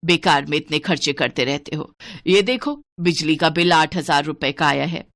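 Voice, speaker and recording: A stingy, scheming mother-in-law scolds her household over every rupee, as a woman puts her on, her voice pitched low and deep. The cartoon dialogue is bone dry and close, with no room around it. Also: moderate pace, a bit bright, dry recording. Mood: grumbling. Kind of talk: cartoon voice acting.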